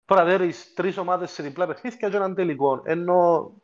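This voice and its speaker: A man's voice: high-pitched, over a noisy crowd. A man with a Cypriot Greek accent in a casual football discussion, explaining his points and feeling for his words. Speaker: football podcast panellist. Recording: dull lo-fi audio.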